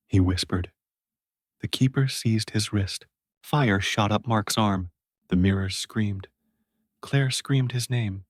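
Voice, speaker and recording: A man giving scripted horror story narration in a measured, dramatic way. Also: on the low side, no room sound, studio quality.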